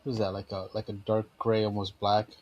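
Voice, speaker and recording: A man hosts a relaxed podcast chat, his throat thick with phlegm. He talks easily and rambles a bit, with plenty of fillers and small restarts. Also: fairly low pitch, fairly quick, muffled recording. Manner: easygoing, chatty, frequent fillers. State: phlegmy throat, clearing it often. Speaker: podcast host. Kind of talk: casual chat.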